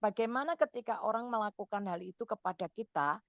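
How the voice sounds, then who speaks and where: A woman counsels callers on the radio with a motherly, caring manner. Her voice sits at an ordinary pitch and sounds dry and close. The sound is dull and lo-fi. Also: expressive, fairly quick, dry recording.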